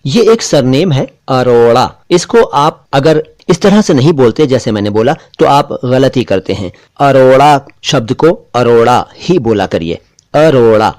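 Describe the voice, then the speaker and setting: A man hosting a pronunciation lesson, talking straight to his viewers and repeating each word slowly for drill. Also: mid-range voice, animated. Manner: slow, deliberate repetition of words for drill; warm, direct address to viewers as friends. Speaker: language teacher and channel host.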